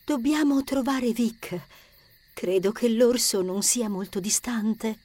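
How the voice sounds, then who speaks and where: A woman voicing a quiet, serious teenage girl who speaks calmly and gravely, in an audiobook story. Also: on the high side, slow, no echo. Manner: calm, grave. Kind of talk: audiobook character acting.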